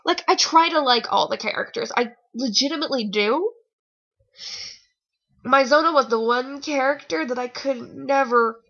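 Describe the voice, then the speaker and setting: A young adult woman with a high, sharp voice reads amateur fan fiction mockingly, breaking off for rambling, exasperated, theatrical asides. She sounds a bit tired and has a sore nose, and the audio is dull.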